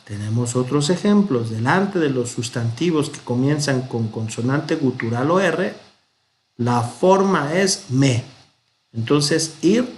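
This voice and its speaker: Slow, patient Mexican man teaching. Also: medium pitch. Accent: Mexican Spanish. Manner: patient, explains step by step, pronounces examples slowly. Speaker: Hebrew teacher. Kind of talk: unhurried grammar lesson.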